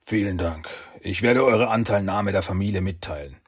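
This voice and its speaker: A man's voice: low-pitched, moderate pace, husky, dry recording, studio quality. A man voicing a nervous, submissive old martial arts master in a dramatic audiobook. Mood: subdued, nervous.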